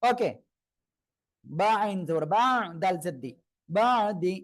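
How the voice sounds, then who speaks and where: A fairly high-voiced man with a Bangladeshi Bengali accent leads a live online Quran reading class. He spells out letters slowly and patiently, asking his students to repeat after him. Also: animated, darkish tone, no echo. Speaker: Quran teacher.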